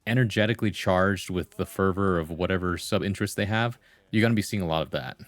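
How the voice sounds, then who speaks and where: On a livestream, a man with a low voice speaks quickly, shifting between reading comments out loud and responding to them in a relaxed, slangy manner. "Like" and "bro" come up constantly. The recording is dry and close.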